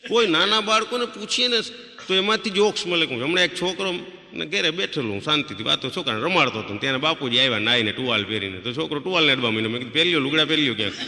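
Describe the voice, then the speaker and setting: A man's voice: a little high, lively intonation, racing, pushed and bright, a little hiss or hum. A man doing stand-up comedy, telling funny stories and acting out the people in them. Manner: storytelling, acting out quoted people. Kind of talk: live stand-up joke telling. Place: stage before an audience. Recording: live stage recording with long reverb.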